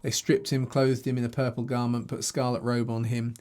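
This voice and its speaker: Speaking into his own video camera, a man reads scripture and teaches from it in a conversational way, restarting as he thinks aloud. He's a Bible teacher with a mid-range, slightly mellow voice, a level tone, and a fairly quick pace.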